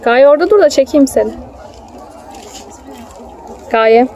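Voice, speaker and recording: A young woman speaks from behind her phone camera as she films her child at an outdoor theme park, chatting casually. Her voice is high, a little mellow and a little slow, with lively intonation, amid faint ambient park noise.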